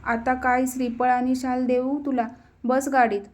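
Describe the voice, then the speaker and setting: A woman's voice: high-pitched, flat delivery, a little slow. A woman voicing a bold, teasing young woman who protects her younger sister, brash and playful.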